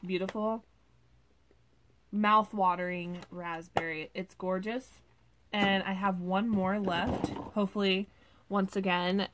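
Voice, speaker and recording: A woman's voice: mid-range voice, background noise. A woman vlogger casually reviewing wax melts at home, chatty and gushing, with many ums and likes.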